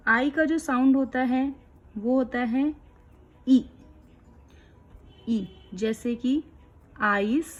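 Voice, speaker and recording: A woman teaching young children letter sounds, explaining each one slowly and clearly. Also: on the high side. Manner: slow, clear, patient explaining. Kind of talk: kids' phonics lesson.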